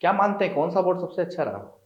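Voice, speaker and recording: A man with a somewhat high voice puts pointed, challenging questions to a politician and pushes back on his answers. The sound is echoey and dull, like a lo-fi local news recording. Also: big pitch swings, fast. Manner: probing, challenging.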